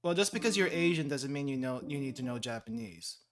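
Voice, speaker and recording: On a casual study stream with background music, a young man from the Philippines talks fast while he works, thinking out loud and frequently laughing. His pitch is medium and his intonation lively.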